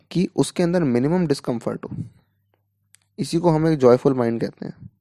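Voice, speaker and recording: Man giving a mellow, dry motivational talk. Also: a little high, no room sound. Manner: explains with rhetorical questions, Hindi mixed with English terms. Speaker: mentor to exam students.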